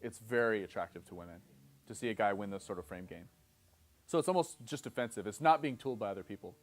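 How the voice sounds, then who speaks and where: A man's voice: fairly low pitch, fast talker. A man in his thirties giving a live seminar lecture, explaining step by step, often checking in with "okay?" and acting out both sides of example dialogues. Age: 30s. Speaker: seminar instructor.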